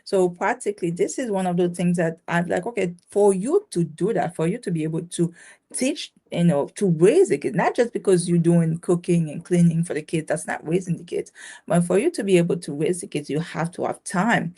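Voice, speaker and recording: Speaking as a guest in a relaxed interview, this caregiving business owner, born in Haiti, chats freely with many restarts and fillers and a ready laugh. She has a lowish, warm, slightly rough voice with lively intonation and a brisk pace.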